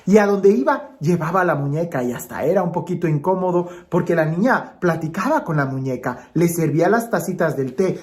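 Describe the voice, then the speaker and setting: A priest giving an Advent homily, slow and dramatic, moving from emphatic lines to hushed ones. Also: male voice, sits high.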